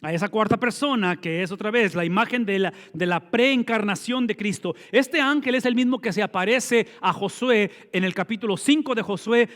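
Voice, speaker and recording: A man preaching a sermon as pastor, speaking, asking rhetorical questions and answering them himself, swinging between emphatic stresses and quiet asides. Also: sits high. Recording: long reverb of a large hall.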